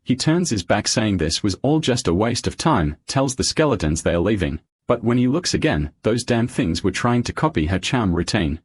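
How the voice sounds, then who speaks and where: A man tells a story recap in a casual, slangy, wry voice that is husky and a bit low. His pitch moves around a lot, and the voice-over is dry and close. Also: big pitch swings, normal speed, few pauses, no room sound. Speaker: recap narrator.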